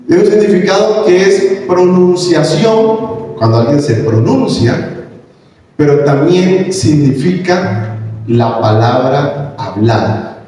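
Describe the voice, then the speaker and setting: Slow, animated pastor preaching in an echoey hall. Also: male voice, fairly high pitch. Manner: animated preaching, rising to shouts on key lines. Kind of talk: sermon. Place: large church hall. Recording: echoey hall, picked up from a distance.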